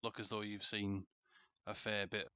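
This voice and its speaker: A man voicing a worried village man who asks travellers to hire on and track down beasts, speaking in a measured, low-key way. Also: flat delivery, sharp tone, a little hiss or hum. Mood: earnest. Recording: dull lo-fi sound.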